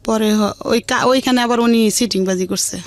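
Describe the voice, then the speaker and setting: With a fairly high voice at normal speed, this middle-aged Dhaka Bengali woman shares her life story candidly as a radio show guest. Her telling is earthy and rough around the edges, full of acted-out dialogue, with music behind her.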